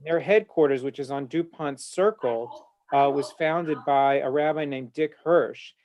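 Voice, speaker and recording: Speaking from his home office by video call, the man is a rabbi on a discussion panel. His pitch is fairly high and his tone a little mellow, and he comes across as earnest and eloquent despite many "uh"s.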